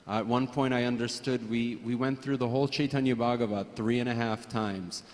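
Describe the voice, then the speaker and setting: A man's voice: medium pitch, fairly even intonation, fairly quick. A man at a memorial gathering, telling affectionate anecdotes about a friend and chuckling as he remembers. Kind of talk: reminiscing anecdotes. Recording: long reverb.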